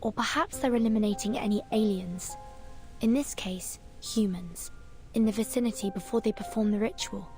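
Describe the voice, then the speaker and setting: An actress voicing a steady, thoughtful female leader in a game, speaking decisively. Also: medium pitch, moderate pace, pauses often, faint music behind, lightly acted. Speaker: game character. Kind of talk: game voice acting.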